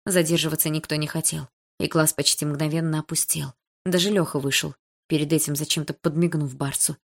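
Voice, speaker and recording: Low-voiced woman narrating a novel. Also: flat delivery, brisk, vocal fry. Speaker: audiobook narrator. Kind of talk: first-person novel narration.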